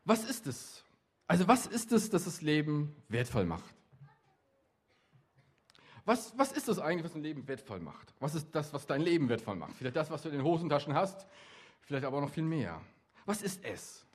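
A man's voice: a little high, big pitch swings, moderate pace, slightly rough. A middle-aged man who works with youth gives a chatty, joking talk to a young audience and keeps asking them questions. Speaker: youth worker speaking at a youth event.

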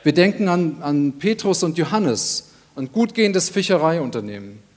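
A man preaching a sermon in an earnest, emphatic way, with deliberate pauses and repeated phrases. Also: fairly high pitch, animated, darkish tone.

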